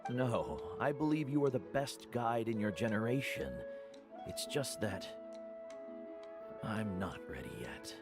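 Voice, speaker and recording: A man playing an older mentor guide in a video game, solemn, gentle and protective, speaking in a measured way. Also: on the low side, lively intonation, music in the background. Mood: worried.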